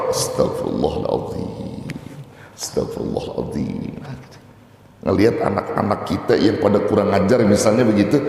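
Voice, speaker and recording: Man preaching in an echoey hall. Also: a little high. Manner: colloquial, animated preaching with mock-angry quotes. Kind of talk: sermon.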